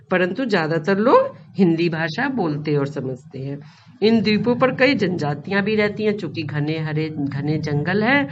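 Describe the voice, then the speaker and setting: A woman's voice: lowish voice, lo-fi sound. A woman teacher with an Indian Hindi accent, explaining a school lesson, often asking the class a question and repeating the answer. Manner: reads a line, then asks the class and repeats the answer.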